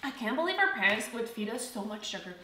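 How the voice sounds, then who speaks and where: A woman's voice: fairly high pitch, quick pace. A young woman, chatting casually and eating snacks on camera as a vlogger. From Quebec, Canada. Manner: chatty, animated, eats while talking. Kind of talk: casual snack taste-test chat. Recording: echoey room, faint noise.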